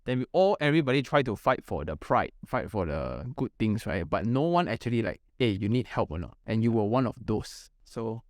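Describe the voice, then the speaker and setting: A man's voice: mid-range voice, very animated, fairly quick, hardly any pauses, no room sound. Malaysian man hosting a casual podcast, dry close sound. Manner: colloquial English with local particles and slang. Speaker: podcast host.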